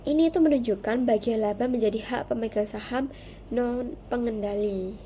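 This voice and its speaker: With a mellow, fairly high voice at a moderate pace, a young adult woman walks through her prepared student presentation methodically and formally. Some background noise can be heard behind her.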